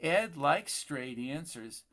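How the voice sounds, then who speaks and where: Blunt woman tourist with a squeaky voice, male narrator doing her, for an audiobook. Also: animated, slow pace, a bit bright, heavily acted.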